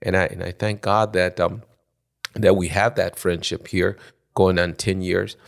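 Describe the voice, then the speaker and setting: A man in his sixties from Ecuador, a podcast guest talking off the cuff in halting, restarting phrases. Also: sits low, flat delivery, vocal fry. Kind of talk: spontaneous conversation.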